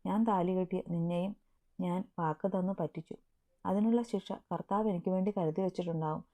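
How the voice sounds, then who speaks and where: A woman's voice: lowish voice, fairly even intonation, a little fast, mellow, close to an everyday voice. A woman voicing a loving, teasing young husband in a storybook reading, with a narrow phone-like sound. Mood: anxious. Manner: tender, teasing.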